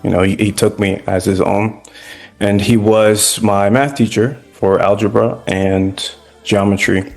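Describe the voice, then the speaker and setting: A man's voice: fairly low pitch, fairly even intonation, a little slow, vocal fry, darkish tone, soft background music. A young man, a former student, giving an earnest spoken tribute with casual fillers.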